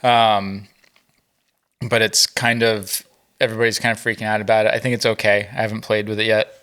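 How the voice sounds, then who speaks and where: A man's voice: lowish voice, little pitch movement, a little fast, fairly bright tone, smooth. A man co-hosting a podcast in casual chat, rambling a bit with many "um"s and "like"s. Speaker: podcast co-host.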